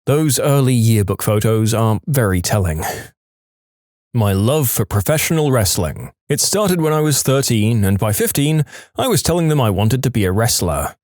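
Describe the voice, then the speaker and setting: A man's voice: mid-range voice, lively intonation, normal speed, a little mellow, no echo, studio quality. A man reading Reddit stories aloud in an upbeat, playful storytelling manner. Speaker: narrator.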